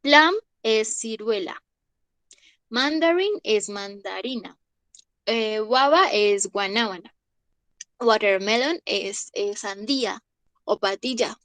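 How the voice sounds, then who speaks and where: A young woman, teaching an English vocabulary class online. She goes slowly, says each word twice and checks in with the class. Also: medium pitch, a bit bright, dry recording. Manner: slow, repeats each word and asks "¿listo?".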